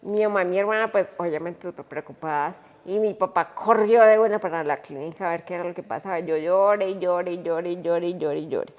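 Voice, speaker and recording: A woman, a podcast guest telling a personal story in an animated, emotional way. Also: on the low side, fast talker, few pauses, long reverb tail.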